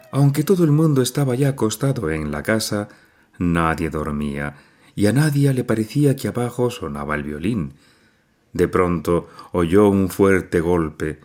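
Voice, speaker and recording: A man narrating an audiobook with an expressive, dramatic reading. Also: low voice.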